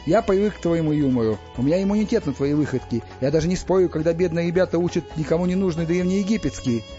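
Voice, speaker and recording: An excitable, stubborn father who argues loudly and emphatically, as a man voices him. His raised voice stays mellow and warm. Faint music plays under a slightly dull audiobook recording. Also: on the high side, fast talker, pitched above the performer's own voice, close to an everyday voice. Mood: stern. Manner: emphatic, triumphant and loud. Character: excitable, stubborn middle-aged father, a scientist. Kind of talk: audiobook character reading.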